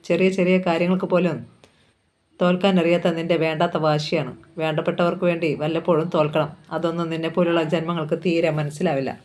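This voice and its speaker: Picture an older aunt who has finally lost her temper, hurling accusations at her sister-in-law with no letup, voiced by a woman reading a novel aloud. The delivery stays flat in pitch and keeps pushing forward with no pauses. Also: lightly acted. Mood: furious, accusing. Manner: loud accusing outburst.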